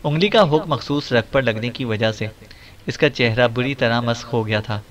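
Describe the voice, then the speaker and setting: A man with a middle-pitched voice narrates a spy thriller audiobook. His storytelling pace is steady and dramatic, and the reading comes across as unhurried and even.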